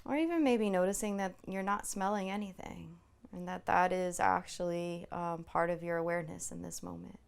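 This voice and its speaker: Leading a guided body scan, this woman instructor sounds calm and quietly reassuring, taking her time with long silences between phrases. Her voice is lowish and steady in tone, smooth, with some vocal fry.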